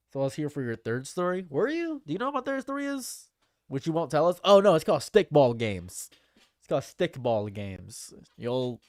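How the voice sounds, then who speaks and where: A man's voice: mid-range voice, darkish tone, no room sound, clean studio sound. A man in his late twenties chatting casually on a livestream, rambling and repeating his phrases. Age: late 20s. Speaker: streamer.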